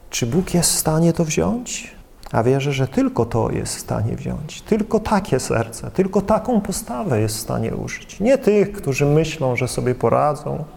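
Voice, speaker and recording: Fervent preacher, gravelly, echoing hall. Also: male voice, on the high side, darkish tone. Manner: impassioned, emphatic, with dramatic pauses. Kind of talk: sermon. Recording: long reverb of a large hall.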